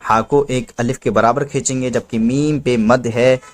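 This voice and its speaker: A man's voice: mid-range voice, fairly even intonation. Patient male Quran reading teacher. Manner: patient, explanatory, drawn-out chanted letter names. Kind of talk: step-by-step recitation lesson.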